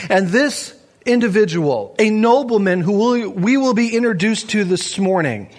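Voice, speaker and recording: A man with a fairly high voice preaches a sermon. He tells stories with lively, swinging intonation and sinks to low, hushed tones for emphasis. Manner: animated storytelling with big pitch swings; drops to low, quiet emphasis. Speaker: pastor.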